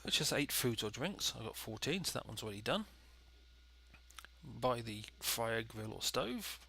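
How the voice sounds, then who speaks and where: A man's voice: mid-range voice, big pitch swings, unhurried, gravelly, sharp tone, a little hiss or hum. A man with a stuffy, nasal voice from a head cold, giving casual let's play commentary and thinking aloud as he goes. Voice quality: nasal, congested. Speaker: gaming video host.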